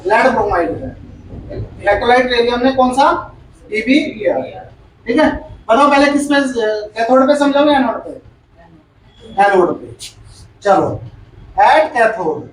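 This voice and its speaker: Guy teaching class, really high voice, repeats stuff and quizzes students, sounds far off in a room. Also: a bit bright, slight background noise. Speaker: chemistry teacher. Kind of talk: classroom lecture. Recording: echoey room, far from the mic.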